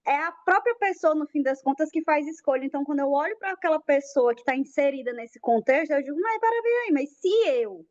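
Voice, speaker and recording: A woman's voice: high-pitched, quick pace, hardly any pauses, a little mellow, highs cut off. A woman in a casual group discussion, telling personal stories in a chatty, self-mocking way. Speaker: study group member.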